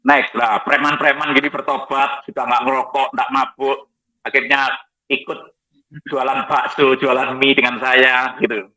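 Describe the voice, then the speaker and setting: A man, a pastor giving his testimony in a studio talk, lively and jokey. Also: mid-range voice, unhurried, poor audio. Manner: lively, jokey, repeats "next lagi" while showing slides.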